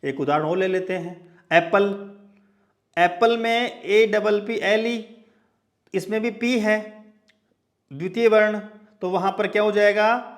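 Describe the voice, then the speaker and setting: Male teacher, high voice, slow deliberate delivery, spells words letter by letter, lecture style. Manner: spells out example words letter by letter, frequent checking asides. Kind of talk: classroom lecture.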